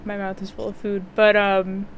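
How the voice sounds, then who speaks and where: A woman's voice: mid-range voice, monotone, normal speed, a little hiss or hum. A woman chatting casually between players at a tabletop game, helpful and laughing often.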